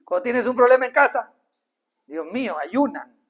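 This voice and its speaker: A man preaching a sermon as pastor, earnest, acting out short dialogues and swinging between loud rises and soft drops. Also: very high voice, lively intonation, normal speed. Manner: acts out little dialogues in changed voices.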